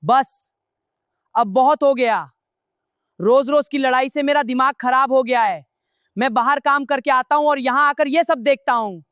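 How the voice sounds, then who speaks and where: A man's voice: very high-pitched, measured pace, pushed and bright, clear, resonant tone, no room sound, clean studio sound, full character voice. A woman voicing a fed-up young husband. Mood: stern. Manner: exasperated, pleading for peace. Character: fed-up young husband caught between wife and mother.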